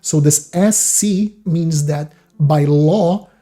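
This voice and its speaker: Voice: mid-range voice, takes it slowly, mellow. A channel host giving enthusiastic commentary on ancient coins, explaining terms and often restarting sentences in eager bursts. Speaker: host of a coin-collecting channel.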